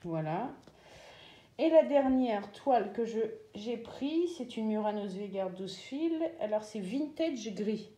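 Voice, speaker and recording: A chatty woman walks through her craft purchases in a relaxed, hesitant way, full of fillers. Her voice is mellow and sits at a middle pitch. The room around her is echoey. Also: slow. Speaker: craft vlogger. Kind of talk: casual show-and-tell.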